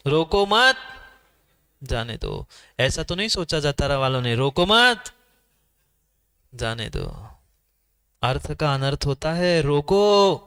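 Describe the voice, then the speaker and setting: A man's voice: sits high, a bit bright, smooth. A man preaching a sermon, speaking emphatically, repeating phrases and asking his listeners questions. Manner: repetitive, emphatic, asks the audience questions. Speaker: Jain monk preacher. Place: sermon hall.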